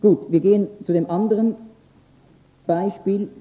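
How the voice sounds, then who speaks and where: A man teaching a lecture on scripture, earnest and emphatic, pausing now and then with fillers. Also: high voice, fairly even intonation. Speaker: Bible teacher. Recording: echoey, phone-like lo-fi recording.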